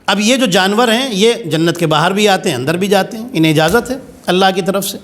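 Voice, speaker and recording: A man's voice: high voice, a bit bright. A man cleric delivering a religious sermon, telling a story dramatically with big swings in voice.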